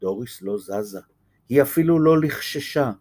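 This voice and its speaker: A man reading a children's chapter book aloud in a gentle, lively way. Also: medium pitch, no echo. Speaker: storyteller.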